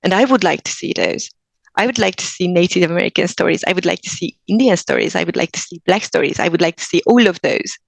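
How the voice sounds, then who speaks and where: Her voice sits on the low side, gravelly and fast: a Hungarian guest actor with a Hungarian accent in a casual podcast interview. She comes across as earnest and thoughtful, restarting sentences often, and the rough recording carries no echo.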